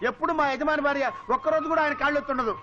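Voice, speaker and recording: A man's voice: very high voice, fairly even intonation, rapid-fire. An actor playing a cheeky comic male servant who mocks his master. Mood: mocking. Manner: mocking, playful, theatrical. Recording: dull film audio with music.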